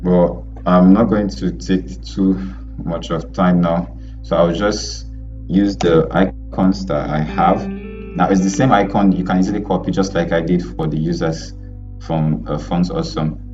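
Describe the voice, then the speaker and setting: A male web development instructor teaching a live online lesson over a group voice call, talking in a halting way with many fillers and restarts. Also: sits low, steady tone, darkish tone, dull audio, soft background music. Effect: heard over an online group voice call.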